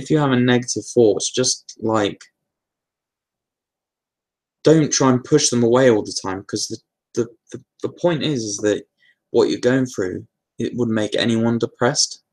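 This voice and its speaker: A man with a lowish, gravelly voice, talking through viewer questions in an easygoing live Q&A. He wanders a little, restarts sentences and leans on plenty of fillers. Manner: relaxed, meandering, with many fillers and restarts. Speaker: host answering viewer questions. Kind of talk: casual live Q&A talk.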